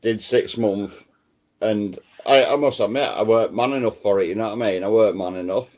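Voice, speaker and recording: A man's voice: fairly low pitch, fairly quick, darkish tone. A man chatting casually with friends. He rambles and keeps saying "you know what I mean.".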